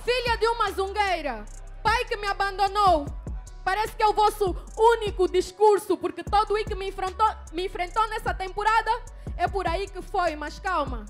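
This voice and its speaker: A woman's voice: extremely high pitch, normal speed, soft background music. A woman with an Angolan Portuguese accent firing defiant battle rap comebacks on a club stage. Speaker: battle rapper. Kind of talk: rap battle verses over a crowd. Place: indoor club stage with a crowd.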